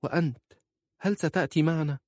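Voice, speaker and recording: A man voicing an anxious young wife who pleads and holds back tears, in a high voice. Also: fairly even intonation, fairly quick, darkish tone, no echo, clean studio sound, natural voice. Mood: frightened.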